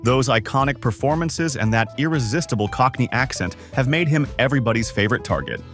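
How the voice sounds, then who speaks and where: A man's voice: mid-range voice, lively intonation, fairly quick, a bit bright. A man reading hyped-up scripted narration. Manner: upbeat, hyped-up delivery. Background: faint background music.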